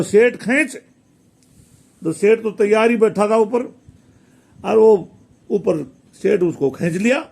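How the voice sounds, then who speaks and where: A man's voice: sits high, creaky, dark tone. A man telling a village folk tale casually, rambling and repeating phrases. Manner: rambling, repeats phrases, voices characters in dialect. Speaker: village storyteller.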